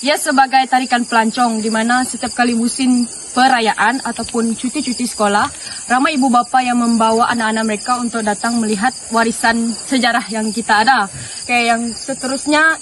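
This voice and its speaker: Young woman listing points outdoors. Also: fairly high pitch. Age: 20s. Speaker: interviewee. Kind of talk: casual outdoor interview answers. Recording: noisy outdoor recording.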